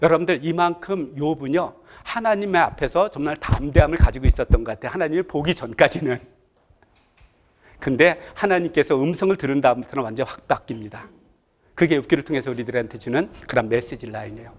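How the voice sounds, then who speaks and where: Male Bible study teacher, high voice, conversational and amused, quizzes listeners. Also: quick pace. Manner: chatty, asks the audience questions, chuckles often. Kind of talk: casual Bible lesson.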